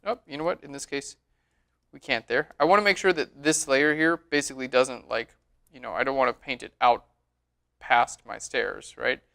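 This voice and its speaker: A man giving a relaxed, chatty screen-recorded tutorial on photo editing, often saying "all right". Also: medium pitch, moderate pace, creaky.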